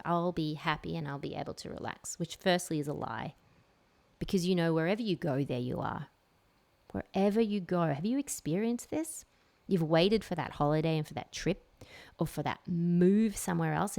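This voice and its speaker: A woman hosting a reflective solo podcast, speaking slowly and emphatically and repeating key phrases. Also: on the low side, creaky, darkish tone. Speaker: podcast host.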